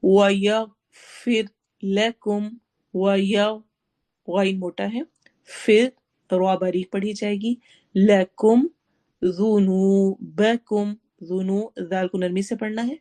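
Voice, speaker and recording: A woman teaching Quran recitation, reciting each phrase slowly and then explaining each sound, with English words mixed into her teaching. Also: medium pitch, steady tone, mellow. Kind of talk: tafsir and tajweed lesson.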